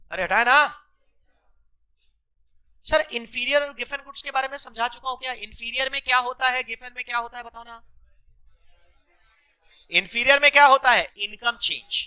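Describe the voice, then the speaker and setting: Bright high-voiced male economics teacher. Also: clear, resonant tone. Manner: coaxing, repeatedly prompting students to answer. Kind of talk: classroom lecture with call-and-response questions. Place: classroom.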